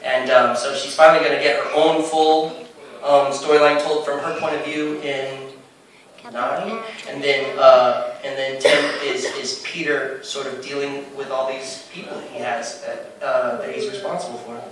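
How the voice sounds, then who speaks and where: A man's voice: mid-range voice, level tone, moderate pace, a crowd in the background. A man, a comic book writer on a panel, talking eagerly and rambling, with many fillers and restarts. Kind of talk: casual panel talk. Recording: echoey hall, speaker far from mic, faint noise.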